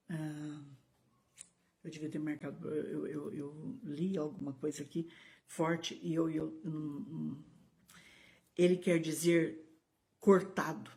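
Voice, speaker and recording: A middle-aged pastor with a Brazilian Portuguese accent leads a live-streamed sermon, forceful in delivery, with sudden high exclamations and direct mentions of viewers by name. Her voice is a little mellow.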